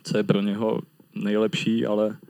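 A man's voice: lowish voice, completely flat delivery, creaky, dark tone, no echo. A man preaching a sermon in a reflective, conversational way.

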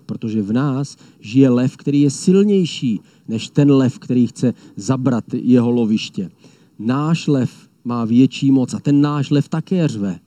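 A man preaching a sermon in an earnest, measured way, often restating his point. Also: medium pitch, warm tone, no echo. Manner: earnest, measured, repeats phrases.

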